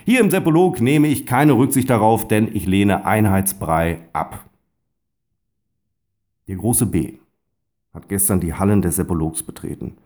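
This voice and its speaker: A man's voice: on the low side, moderate pace, few pauses, a little mellow. Wry Westphalian man reading his blog. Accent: Westphalian German. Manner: wry, self-ironic, with heavy word stress. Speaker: blogger and voice-over speaker.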